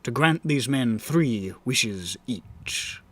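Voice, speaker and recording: A man's voice: mid-range voice, lively intonation, drawn-out words. A man voicing a bard who recites an old fantasy tale in a grand, rhythmic, theatrical storytelling manner. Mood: grand, solemn. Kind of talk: scripted fantasy tale narration.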